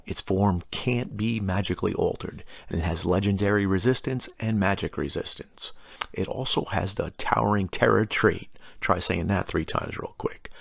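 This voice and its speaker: A middle-aged man with a low, gravelly voice hosts a tabletop gaming channel, reading prepared lore for an explainer at normal speed. His delivery is wry and informal, with casual asides, and the recording has no echo.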